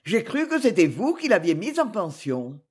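A woman's voice: medium pitch, sing-song, normal speed, husky. A woman voicing a matter-of-fact village baker in a storybook reading, plain and explanatory.

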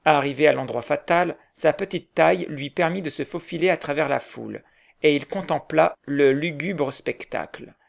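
Man reading a storybook out loud, steady and measured, a bit of fry in the voice. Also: a little high. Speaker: audiobook narrator. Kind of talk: scripted narration.

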